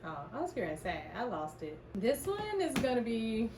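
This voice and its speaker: A woman's voice: fairly high pitch, huge pitch swings, normal speed, noisy background. A woman in her middle years vlogging at home, talking casually and tiredly, rambling and interrupting herself as she thinks aloud. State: tired, out of breath at times. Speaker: content creator vlogging her routine. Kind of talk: casual vlog talk to camera. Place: at home, indoors.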